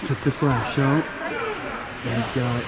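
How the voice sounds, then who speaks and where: A man calls a youth hockey game from the rink stands at an ordinary middle pitch, growing excitable and shouting encouragement to the players. He mixes quick play-by-play with chatty, wry asides. Loud arena noise rumbles steadily under his voice. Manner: chatty asides with dry jokes. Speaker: parent play-by-play commentator. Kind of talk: amateur hockey play-by-play commentary. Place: stands of an indoor ice rink.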